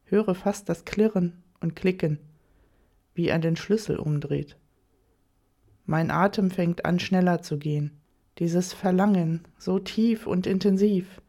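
A woman narrates an erotic audio story in the first person. Her delivery is very slow and soft, and her tone is mellow and dark. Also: lowish voice.

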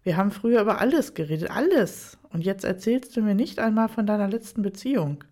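A woman voicing a tall young man, a warm but blunt best friend who speaks directly and earnestly in a read-aloud story. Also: medium pitch, brisk, pitched above the performer's own voice, lightly acted. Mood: annoyed.

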